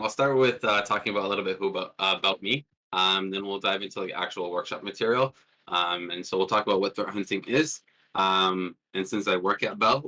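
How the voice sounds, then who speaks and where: A man in his twenties, a student and threat hunter, is presenting an informal online workshop over a push-to-talk call. Born in Jordan, he spent his childhood in Palestine. His voice sits low with a bright, forceful tone, and his delivery is casual, self-deprecating and hesitant.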